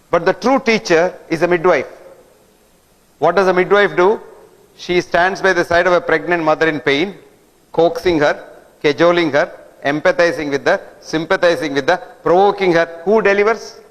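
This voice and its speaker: A guest lecturer with a slightly bright voice on the high side delivers a didactic lecture. He often throws rhetorical questions at the audience, and the recording carries a long hall reverb.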